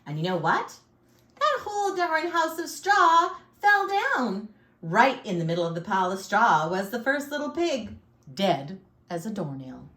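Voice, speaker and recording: A woman's voice: mid-range voice, sing-song, measured pace, sharp tone. Lady reading as a sly folksy wolf telling his side, bouncy up-and-down voice, roomy echo. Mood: sly, aggrieved. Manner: folksy, sly, theatrical sneezes. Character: chatty self-pitying male wolf storyteller. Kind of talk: storybook read-aloud. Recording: echoey room.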